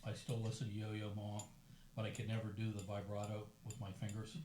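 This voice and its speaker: An older man with a lowish voice leisurely tells stories at a dinner table. The room is echoey, with a faint hum behind him. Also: fairly quick. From United States. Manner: storytelling, relaxed and chatty. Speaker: host. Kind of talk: casual dinner conversation.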